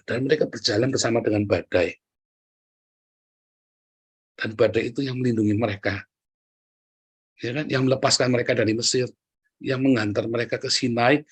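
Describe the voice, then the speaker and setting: A male pastor gives a lively sermon, mixing jokes and asides with earnest urging. His voice is a little husky and sits in an ordinary middle pitch. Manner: lively, joking preaching, keeps addressing the congregation.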